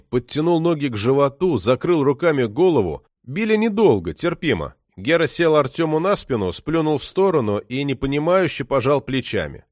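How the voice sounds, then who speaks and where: With a medium-pitched voice, a male narrator delivers scripted audiobook narration of a crime novel in a calm, consistent storytelling style. The sound is dry and studio-clean.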